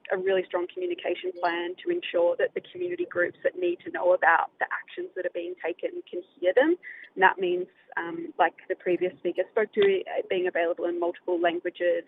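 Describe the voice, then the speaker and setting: A woman with an Australian accent reads an earnest prepared comment to a city council meeting, her inflections rising. Her voice is on the low side with vocal fry, coming through a tinny phone line with faint noise.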